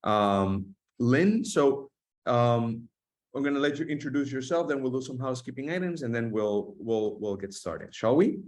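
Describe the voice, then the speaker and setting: A man's voice: mid-range voice, expressive, normal speed, a little mellow. A man hosting an online webinar from an office, talking with many fillers and restarts. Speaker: host. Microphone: video call.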